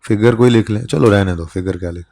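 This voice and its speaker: A man teaches an accounting class in a relaxed, conversational way. His voice sits a little on the low side. He keeps pausing to ask the students whether they are following. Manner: conversational, keeps checking in with "ठीक है?". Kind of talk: classroom lecture.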